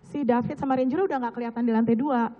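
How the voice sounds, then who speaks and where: A hoarse woman with a high voice gives courtroom testimony, recounting events earnestly step by step. Her voice rings with a long hall echo, and the sound is muffled and lo-fi. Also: steady tone, rapid-fire, a crowd in the background. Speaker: witness.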